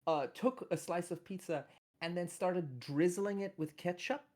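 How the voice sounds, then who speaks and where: A stream guest telling an anecdote in casual chat, animated and playful. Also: medium pitch, measured pace. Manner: animated storyteller.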